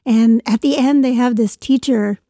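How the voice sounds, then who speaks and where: Warm-toned woman, fairly high. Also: normal speed, no echo, studio quality. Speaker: co-host. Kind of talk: casual podcast chat.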